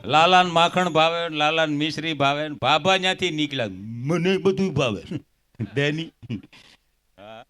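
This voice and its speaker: A man telling jokes and stories on stage in an animated way, quoting his characters and landing punchlines. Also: fairly high pitch, moderate pace. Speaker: folk comedian and storyteller. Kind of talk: dayro stage comedy storytelling.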